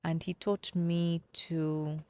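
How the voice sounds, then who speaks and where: Woman in her 30s from kenya, lowish voice, earnest and reflective, bit halting, dry sound. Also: little pitch movement, mellow, dry recording. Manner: earnest, reflective, repeats words as she searches for them. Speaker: podcast guest. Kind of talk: candid conversational storytelling.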